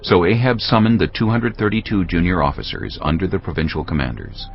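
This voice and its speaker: A man whose voice sits low and carries vocal fry delivers a dramatised Bible story briskly from a script. The recording is dull and lo-fi, with music underneath.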